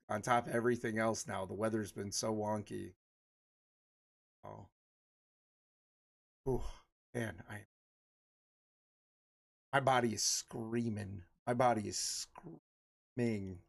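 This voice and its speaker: A man's voice: on the low side, steady tone, measured pace, gravelly, pauses often. A man in his forties chatting casually with his livestream viewers, rambling and laughing often. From Michigan. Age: 40s. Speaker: livestream host.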